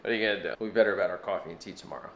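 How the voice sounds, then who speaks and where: A man's voice: deep voice, racing, noisy background. A man in his thirties chatting casually while travel vlogging outdoors, blunt and swearing freely with dry jokes. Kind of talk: casual travel vlog chat. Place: outdoors on mountain trails and at a rental house.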